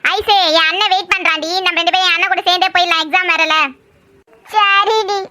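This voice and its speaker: Cartoon schoolgirl, sweet and polite, high and bright, played by a woman. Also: fairly even intonation, a little fast, soft background music. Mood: friendly.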